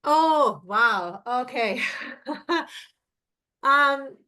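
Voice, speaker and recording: A woman's voice: high-pitched, animated, extremely slow, bright, forceful tone. A woman in her fifties from Russia, speaking English with a Russian accent as a guest on a livestream interview, chatty, with many fillers and restarts. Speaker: guest accountant.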